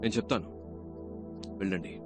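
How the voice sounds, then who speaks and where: An actor playing a stern male officer who interviews job candidates, speaking briskly. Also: natural voice. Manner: brisk, authoritative. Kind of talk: Telugu film dialogue. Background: film score music.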